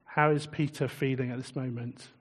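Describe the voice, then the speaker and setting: A man preaching a sermon in a relaxed, conversational way, chuckling often and putting questions to his listeners. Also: medium pitch, normal speed, breathy edge, in a large hall.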